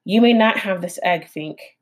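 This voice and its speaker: Quiet steady robot lady, low voice, no fuss, read by a woman. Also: a little slow, natural voice. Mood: calm. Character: calm female robot, plain and careful.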